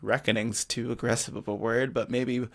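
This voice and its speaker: A man's voice: mid-range voice, flat delivery, normal speed, gravelly. A man hosting a podcast, affirming and encouraging his guest with frequent agreement. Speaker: podcast host. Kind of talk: casual podcast interviewing.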